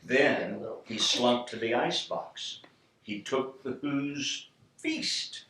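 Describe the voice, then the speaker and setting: A middle-aged or older man reading a storybook aloud like a grandfather, with theatrical, rhythmic, deliberate delivery. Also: medium pitch, expressive, bright, forceful tone. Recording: roomy distant home recording, faint noise.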